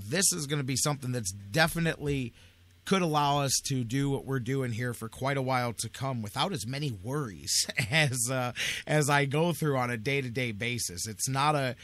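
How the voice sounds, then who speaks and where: Male sports talk host, bright and a bit high, rambling and upbeat with lots of restarts, dry close mic. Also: no echo. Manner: excited and rambling, with frequent restarts and fillers. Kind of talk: casual sports talk chat.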